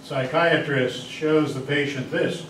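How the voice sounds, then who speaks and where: Taking it slowly, a man with a fairly high voice and fairly even intonation delivers a casual, digressive psychology lecture addressed directly to his students. The lecture hall sounds roomy, recorded from a distant mic with faint hiss.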